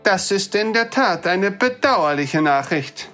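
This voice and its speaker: A jittery male dwarf toymaker, pitched high above the teller's own voice and full of fussy eagerness, as a narrator puts him on. He sputters his words with a courteous, old-fashioned manner, like a figure from a fairy-tale audiobook. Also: animated, slow, a bit bright, soft background music. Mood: wary.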